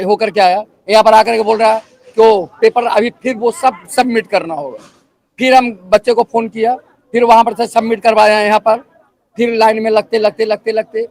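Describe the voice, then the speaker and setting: A man's voice: high-pitched, steady tone. Angry man complaining in a queue. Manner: angry complaining, rapid grievances. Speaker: voter waiting in queue. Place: outdoors on a street.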